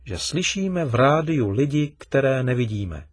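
A man voicing a patient father who gently questions his son in a storybook reading. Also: medium pitch, sing-song, slightly rough, no room sound, studio quality, pitched above the performer's own voice. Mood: questioning. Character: patient, gently teasing middle-aged father.

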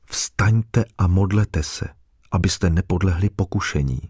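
A man reading the words of Jesus in a measured, solemn way during a scripture reading. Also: sits low, no room sound, studio quality. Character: Jesus, a calm grown man teaching.

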